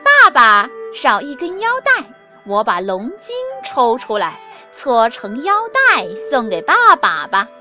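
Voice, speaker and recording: A woman voicing a brave, eager seven-year-old boy who talks quick and childlike in a storybook tale. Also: on the high side, wildly swooping pitch, over music, heavily acted. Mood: scheming.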